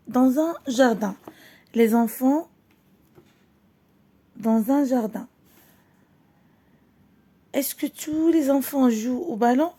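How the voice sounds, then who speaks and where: Warm-voiced Moroccan woman teaching a class. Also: high voice. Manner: reads slowly and clearly, then explains quickly. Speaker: primary school French teacher. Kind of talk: classroom reading lesson.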